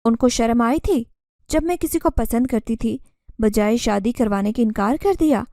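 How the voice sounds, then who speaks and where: Storybook villain: scheming vengeful aunt, voiced by a woman, bitter growling threats, mellow tone. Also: fairly high pitch, moderate pace, no room sound, clean studio sound, close to an everyday voice.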